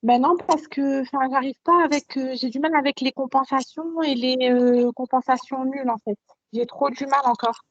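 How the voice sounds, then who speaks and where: Young woman student on speakerphone, phone held away, muffled lo-fi call sound, kinda high voice, lots of ums. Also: fairly even intonation, moderate pace, no room sound. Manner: hesitant, full of fillers. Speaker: nursing student. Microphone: phone on speaker in a video call. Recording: dull lo-fi call audio.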